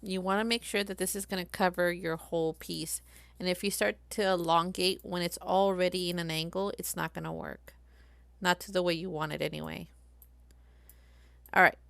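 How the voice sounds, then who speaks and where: A woman live-streaming a craft software tutorial, chatty and thinking aloud as she works. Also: lowish voice, fairly even intonation, normal speed, creaky, dry recording.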